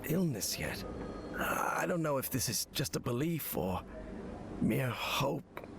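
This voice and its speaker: A man voicing a gentle, tired wartime codebreaker in a story game, talking softly and sighing to his wife. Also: mid-range voice, very animated, slow pace, vocal fry, noisy background, exaggerated voice. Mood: tender. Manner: soft-spoken, tender, sighing. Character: earnest middle-aged male wartime codebreaker, gentle and weary. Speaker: game character.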